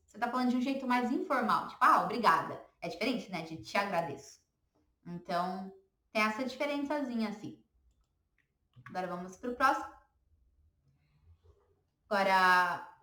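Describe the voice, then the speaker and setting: Bright-voiced woman teaching beginners. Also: fairly high pitch, moderate pace, pauses often. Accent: Brazilian Portuguese. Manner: patient, repeats words for learners to echo. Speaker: English teacher. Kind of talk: beginner language lesson.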